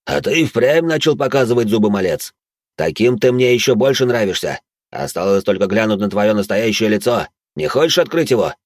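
A man's voice: fairly low pitch, lively intonation, a little fast, no echo. A man voicing a mocking, battle-hardened old man in an audiobook who sneers and barks orders. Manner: gruff, sneering, barks commands.

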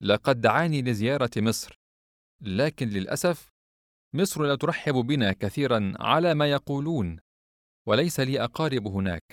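A man's voice: medium pitch, lively intonation, dry recording, clean studio sound, close to an everyday voice. A man voicing a bold, mercenary young woman of the night who talks in a brash, teasing way in an audiobook reading. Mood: chatty. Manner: brash, teasing, quick-tongued.

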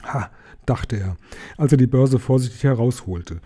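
Male storybook reader, calm and measured, very dark mellow tone. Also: medium pitch. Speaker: audiobook reader. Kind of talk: storybook reading.

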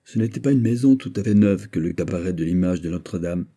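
A man narrating a classic novel as an audiobook in a steady, measured reading. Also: low voice.

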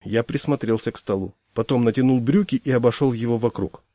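A man narrating a comic story aloud in a lively, theatrical audiobook style. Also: medium pitch, fairly quick, no room sound, clean studio sound. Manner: lively, theatrical delivery of dialogue.

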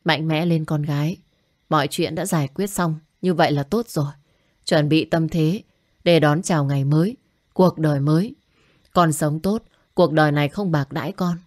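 A steady older father, calm and firm, read out by a woman narrator. The voice stays low and plain, close to the reader's own storybook tone. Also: normal speed. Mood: reassuring.

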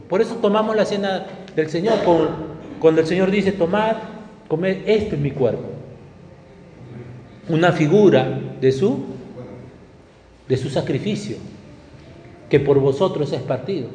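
A man preaching a sermon in a conversational, animated way, acting out the voices of people he quotes. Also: high-pitched. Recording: echoey hall with faint room noise.

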